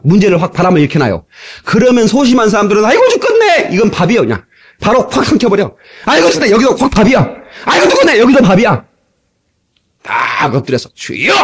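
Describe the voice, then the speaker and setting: A male pastor delivers a fiery sermon, his fairly high voice leaping up and down as he shouts and acts out little scenes. The sound comes from an old cassette tape transfer. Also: breathy edge. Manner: emphatic, shouting exhortations, acting out voices, bursts of laughter.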